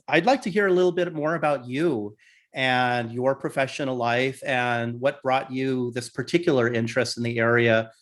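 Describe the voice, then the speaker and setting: A man hosting an interview podcast, upbeat and encouraging as he introduces and questions his guest. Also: mid-range voice. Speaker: podcast host and clinician.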